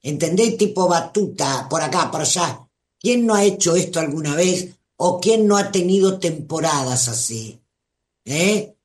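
A woman with a Rioplatense Spanish accent talks her live-stream audience through advice at an unhurried pace. She is emphatic and calls listeners darling and treasure. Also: fairly low pitch, lively intonation, darkish tone.

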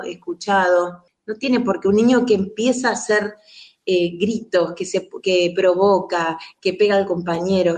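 Earnest Rioplatense woman explaining. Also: fairly low pitch. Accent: Rioplatense Spanish. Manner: earnest, explanatory, acts out quoted voices. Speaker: guest speaking on child rearing. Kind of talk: conversational interview.

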